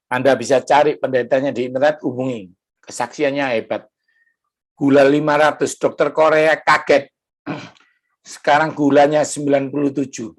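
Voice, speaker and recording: Gravelly-voiced male preacher. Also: medium pitch. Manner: lively preaching with rhetorical questions to the congregation. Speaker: pastor. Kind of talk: sermon. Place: church service.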